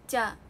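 Speaking into a phone or streaming mic, an idol livestream host chats casually and alone with her viewers, bubbly and giggling, while heavy rain pours outside. Her voice is a bit bright, with slight background noise.

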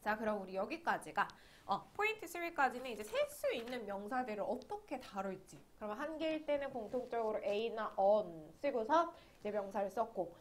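A woman's voice: fairly high pitch, very animated, normal speed, hardly any pauses. Casual online lesson, woman teacher, chatty, keeps asking if the class got it. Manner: chatty, asks students to confirm often. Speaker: English teacher. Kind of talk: online grammar lecture.

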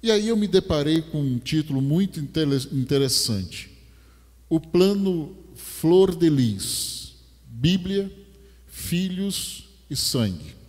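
Slow, measured male preacher in hall. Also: a little high, animated, a little mellow. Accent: Rio de Janeiro Portuguese. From Brazil. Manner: slow, measured scripture reading building to emphatic preaching. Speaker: pastor. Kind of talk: sermon. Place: large church stage, indoors. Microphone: headset mic. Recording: long church hall reverb.

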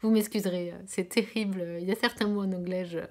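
A woman from France hosting a casual knitting podcast, talking hesitantly with many fillers, often dropping to a soft near-whisper and repeating her words of praise. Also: medium pitch, fairly even intonation, quick pace. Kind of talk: casual chat about knitting.

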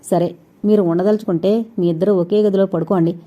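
A woman voicing a calm, level-headed man who is investigating, in a plain, matter-of-fact way. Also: medium pitch, brisk, highs cut off, close to an everyday voice.

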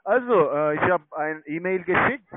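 At a moderate pace, with a higher voice and lively intonation, a man cold-calls to promote online trading accounts. He speaks hesitantly in fragmented phrases, not being a native German speaker. Heavy background noise fills the tinny, narrowband call.

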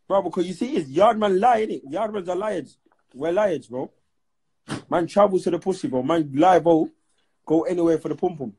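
A man's voice: high voice, moderate pace, dark tone, breathy edge. A man with a London accent, bragging and joking in slangy banter on a phone live stream.

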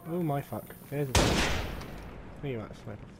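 A man commentating his own video game playthrough, swearing freely and bursting into excitable outbursts. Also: mid-range voice, moderate pace, very noisy. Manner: profane, excitable, laughing at himself. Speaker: gaming channel host. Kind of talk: let's play commentary.

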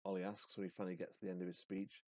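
A man's voice: sits low, level tone, racing, a little mellow, no echo, dull audio. A male teacher reading a story aloud expressively, then setting a task casually with fillers.

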